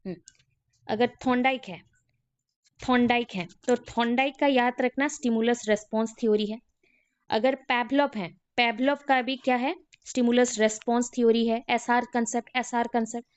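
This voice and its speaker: A woman's voice: fairly high pitch, steady tone, normal speed, clear, resonant tone. A woman teacher lecturing a class in a classroom, who repeats key names and quizzes her students.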